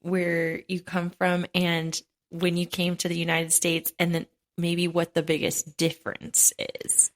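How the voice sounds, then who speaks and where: A woman's voice: fairly low pitch, completely flat delivery, a little slow, hardly any pauses. A woman hosting a podcast, chatty and playful as she asks her guest questions. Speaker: podcast host. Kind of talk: podcast interview.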